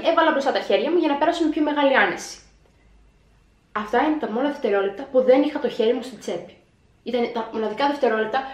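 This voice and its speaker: Young woman, vlog storyteller, animated, roomy echo. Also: a little high. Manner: animated retelling, acting out her own panic. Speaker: vlogger. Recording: echoey room.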